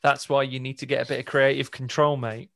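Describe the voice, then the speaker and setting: A man's voice: mid-range voice, level tone, a little fast, creaky, fairly bright tone. A British man hosting and editing a podcast, chatting in a laid-back, self-mocking way and laughing often. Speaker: podcast host and editor. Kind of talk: casual banter.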